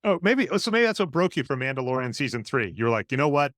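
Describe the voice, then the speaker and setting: Fast, animated man in casual banter. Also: medium pitch, no room sound, clean studio sound. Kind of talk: casual chat.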